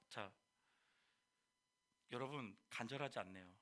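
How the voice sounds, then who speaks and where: A man preaching to a high school youth group, animated, quizzing the listeners and slipping into casual speech. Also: background noise.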